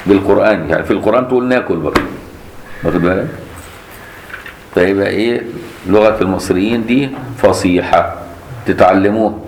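A man with a low, deep voice and an Egyptian accent teaches Quran recitation variants. He demonstrates each reading aloud and keeps checking that his students have understood. The sound is echoey, as in a mosque, with faint background noise. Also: fairly quick, long pauses, darkish tone. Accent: Egyptian Arabic.

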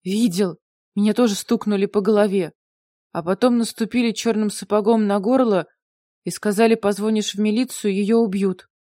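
A woman's voice: medium pitch, fairly even intonation, moderate pace, mellow, dry recording, studio quality, natural voice. A woman voicing a distraught young husband in an audiobook, agitated and pleading. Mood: panicked. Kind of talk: audiobook character voice.

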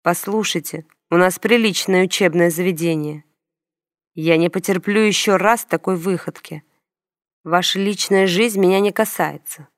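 A woman's voice: fairly low pitch, moderate pace, dry recording, clean studio sound, lightly acted. A woman reading the lines of a stern gray-haired male university dean in an audiobook. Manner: stern, lecturing.

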